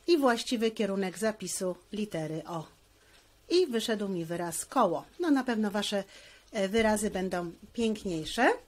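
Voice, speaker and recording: Slow patient woman teaching handwriting. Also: mid-range voice. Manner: slow, patient, explaining step by step. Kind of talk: handwriting lesson.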